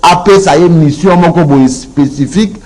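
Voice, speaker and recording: A man's voice: on the high side, moderate pace, a little mellow, low-quality recording. A Congolese man giving his views as a guest on a political talk show, mixing Lingala and French, emphatic and repetitive when he lists his points. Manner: switches between Lingala and French. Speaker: guest commentator.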